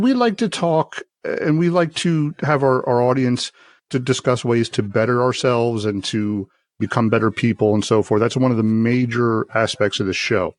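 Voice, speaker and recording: A man's voice: medium pitch, no echo. A man co-hosting a podcast, asking long, earnest questions that circle back on themselves. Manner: earnest, rambling questions with restarts. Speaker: podcast co-host. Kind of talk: casual interview.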